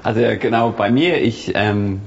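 A man's voice: lowish voice, normal speed, muffled recording, noisy background. A man from England with an English accent, speaking German hesitantly with many fillers as a guest in a casual discussion.

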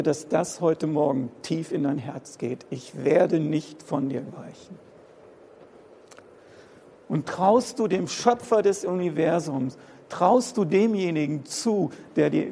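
A man's voice: a little high, slow pace, vocal fry, dark tone, in a large hall, a little hiss or hum. A man preaching a sermon, impassioned, repeating phrases for emphasis. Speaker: pastor. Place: church hall.

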